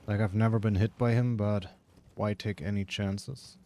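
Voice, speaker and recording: A man's voice: fairly low pitch, fairly even intonation, moderate pace, darkish tone. A man with a German accent giving casual, chatty commentary while gaming, saying "like" often and swearing freely. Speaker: streamer.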